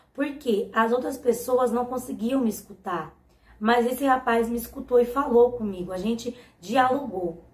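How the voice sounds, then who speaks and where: A woman's voice: fairly high pitch, a little mellow. A young woman with a Brazilian Portuguese accent telling her own faith testimony, speaking earnestly and often turning to her viewers. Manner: earnest, often turns to the audience. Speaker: mother giving a faith testimony. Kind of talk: personal storytelling to viewers. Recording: echoey room.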